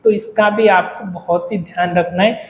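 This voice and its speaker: A man's voice: sits high, steady tone, normal speed, slight background noise. A man teaching a lecture, explaining step by step and checking in with the class. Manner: Hinglish explaining with frequent "है ना". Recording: echoey room with faint ambience.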